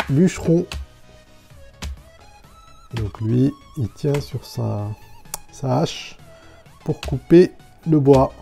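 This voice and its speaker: A man with a very dark, mellow voice gives casual, talkative unboxing commentary. He describes each toy as he goes and thinks aloud between items. Soft music plays faintly underneath at a medium pitch. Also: creaky. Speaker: toy reviewer.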